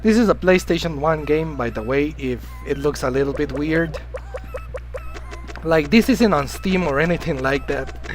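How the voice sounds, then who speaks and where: A man's voice: a little high, moderate pace, soft background music, poor audio. A man live-streaming a video game, rambling casually, chatting with his viewers and coughing now and then because he has been sick. Spanish is his first language. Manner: chatty, rambling, greets and answers chat.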